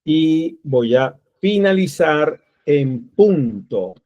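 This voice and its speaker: Slow-speaking man teaching code. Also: fairly high pitch, expressive, darkish tone, no echo. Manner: slow, thinking aloud while typing code. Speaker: programming teacher. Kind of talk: screen-recorded coding tutorial. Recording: dull, lo-fi dry recording.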